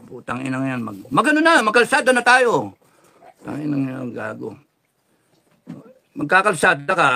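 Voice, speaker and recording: A man's voice: a little high, a bit bright. A man ranting angrily in a political vlog, cursing often and switching into English. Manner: heated, cursing, mixes Tagalog with English. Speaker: political vlogger. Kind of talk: angry political vlog rant.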